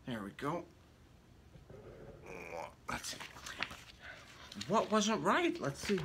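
With a high voice that swings wildly in pitch and drawn-out words, a man reads a picture book dramatically to children, asking them casual questions along the way. He's in an indoor room with book cut-outs, and there's noise in the background.

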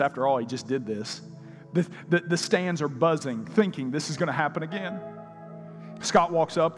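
A man preaching a sermon as pastor, telling a story and leading an altar call, with music behind. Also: fairly high pitch. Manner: storytelling, shouting quoted lines, then altar call. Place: large church auditorium. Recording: live church hall with music behind.

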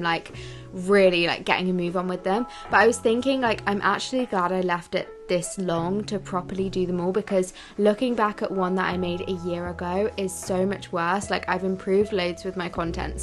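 A young woman in her twenties from England, narrating a casual day-in-the-life vlog in a chatty way full of "like" fillers. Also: lowish voice. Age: 20s. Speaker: vlogger. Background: background music.

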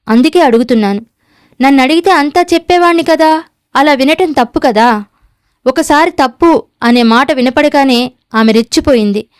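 A woman's voice: high-pitched, no room sound, studio quality. A woman narrating a novel aloud, reading every character's lines herself in a near-natural voice. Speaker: audiobook narrator.

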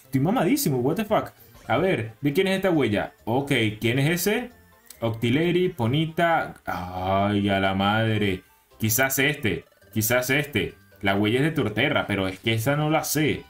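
A young man giving casual, excitable, slangy commentary while playing a video game. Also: medium pitch, a little slow, soft background music. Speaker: gaming channel host. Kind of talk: let's play commentary.

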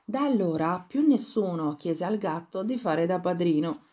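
A woman reading a fairy tale aloud in a calm, even narrating manner. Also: on the low side, unhurried. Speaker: storyteller.

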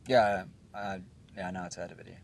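A young British travel vlogger with a deep, creaky voice talks quickly with fairly even intonation, and a little hiss or hum can be heard. Sitting outdoors at a hilltop viewpoint, he recaps a trip in casual chat, rambling with lots of ums and restarts.

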